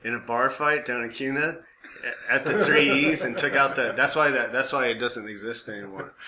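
An American man co-hosts a podcast, riffing casually in a goofy, rambling manner full of folksy slang. His voice is medium in pitch and moderate in pace. The rough recording has an echoey room, crowd noise, and faint background noise.

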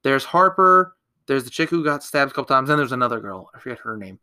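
A man's voice: mid-range voice, expressive, quick pace, bright, forceful tone, clear, resonant tone. A young man casually recapping a horror movie on a podcast, rambling, swearing and correcting himself as he goes. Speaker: podcast co-host.

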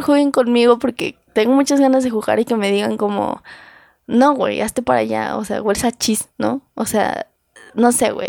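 A woman's voice: medium pitch, gravelly, a little mellow, dry recording, clean studio sound. A young woman with a Mexican Spanish accent talking casually and candidly, full of slang and repeated words. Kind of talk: casual conversation.

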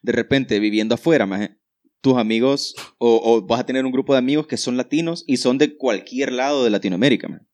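A man chatting with friends who explains his point in long run-on sentences. He talks very fast at a middle pitch and keeps tossing slang fillers into the flow. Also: a little mellow. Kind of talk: casual podcast chat among friends.

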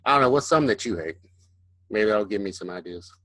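A man co-hosting a podcast with a somewhat low voice, chatting casually. He hesitates and trails off, restarting his sentences often. The sound is dry and close. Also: lively intonation, fairly quick, fairly bright tone, no room sound. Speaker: podcast co-host. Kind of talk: casual chat.

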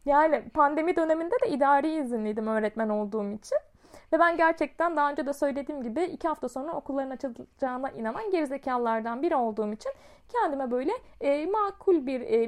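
A woman's voice: high voice, animated, fast. A woman teacher telling a story in a casual, chatty, self-mocking way.

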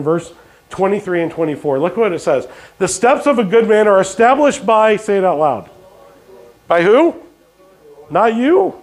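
High-voiced man preaching a sermon. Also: a little mellow. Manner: call-and-response questions to the congregation; jokey asides. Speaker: pastor.

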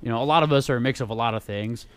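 A man co-hosting a podcast, explaining his view in a measured way with some stammered restarts. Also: mid-range voice, fairly bright tone, clear, resonant tone. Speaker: podcast co-host. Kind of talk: casual political chat.

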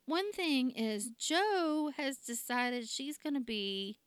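A woman's voice: sits high, big pitch swings, slow pace, smooth, no echo. A woman, casually recapping a TV drama episode and laughing often. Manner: chatty, laughs often, acts out quotes. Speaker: podcast co-host recapping a TV drama. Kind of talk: casual chat.

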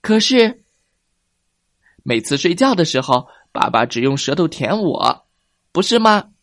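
A smug little baby ankylosaur brags in a raised, bouncy, singsong voice, as a man puts him on. The delivery is slow and storybook-like, recorded close and dry. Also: fairly high pitch, big pitch swings, fairly bright tone, no echo, pitched above the performer's own voice, exaggerated voice. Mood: smug bragging. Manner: bragging, singsong. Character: boastful baby ankylosaur, young male, smug.

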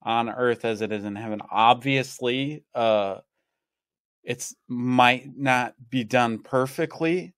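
A man explaining theology in a casual conversation, measured and explanatory. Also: mid-range voice, fairly bright tone, no echo, clean studio sound.

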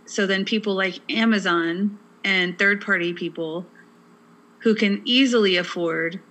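A woman's voice: mid-range voice, unhurried, fairly bright tone, rough recording. A woman co-hosting a casual podcast, explaining at length in a chatty way with lots of fillers. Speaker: podcast co-host. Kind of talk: casual chat.

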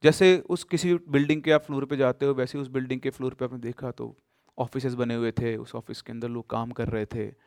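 A man casually telling a horror story, with emphatic bursts and sudden hushed drops. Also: medium pitch, fairly even intonation, brisk, vocal fry, no echo, clean studio sound.

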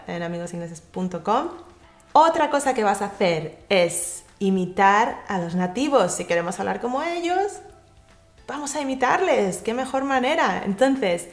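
A woman gives casual pronunciation advice, speaking lively and directly to the viewer. Her voice sits at a middling pitch. The room adds a noticeable echo. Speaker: English pronunciation teacher and YouTube host. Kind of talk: casual tutorial talk to camera.

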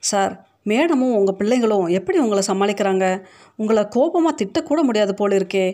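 A woman's voice: medium pitch, lively intonation, normal speed, warm tone, close to an everyday voice. A woman voicing a young office worker who complains by habit and teases lightly in a read-aloud short story. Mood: complaining, teasing. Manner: grumbling, then teasing.

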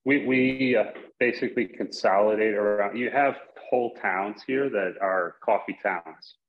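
A man from upstate New York joins a podcast as a guest over a remote call, explaining things in a steady, measured way full of "basically" and "you know". His voice is very low, and the call audio is dull and lo-fi. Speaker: guest, coffee company investor. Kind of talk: casual interview answers.

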